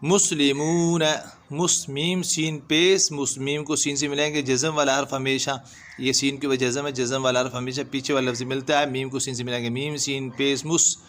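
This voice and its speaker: A man's voice: medium pitch, little pitch movement, fairly bright tone, slight background noise. Man patiently spelling out syllables. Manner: spells letters slowly, then draws out the syllables. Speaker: Quran teacher. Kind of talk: step-by-step recitation lesson. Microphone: voice-over over screen recording.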